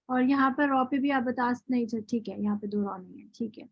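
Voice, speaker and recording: A woman with a fairly high voice teaches Quran recitation online, first praising her students warmly and then lecturing them with questions in a motivational talk. The call audio is dry, dull, and lo-fi, with no echo.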